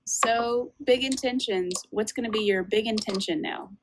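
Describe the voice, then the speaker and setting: A woman's voice: on the high side, moderate pace, noisy background. A woman co-hosting a casual spiritual podcast, talking in a reflective, meandering way, a little lispy from a retainer. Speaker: podcast co-host.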